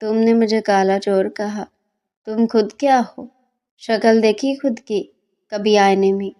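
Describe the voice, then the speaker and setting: A woman's voice: medium pitch, steady tone, a little slow, dark tone, close to an everyday voice. A woman doing a bossy, fiery young girl. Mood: scolding. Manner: scolding, impatient. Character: young female student, bossy and quick-tempered.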